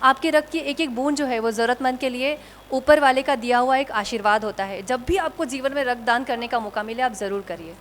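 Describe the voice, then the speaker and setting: A woman who organizes a blood donation camp, answering an interviewer in a measured, earnest way. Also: on the high side, long reverb tail, slight background noise. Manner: measured and earnest, making an appeal.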